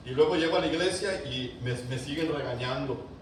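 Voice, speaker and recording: A man preaching a sermon to his congregation, fervent, with loud emphatic peaks, quiet drops and many rhetorical questions. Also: fairly high pitch, a little fast. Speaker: pastor. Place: large church sanctuary. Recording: very echoey church, voice from a distance, faint room hiss.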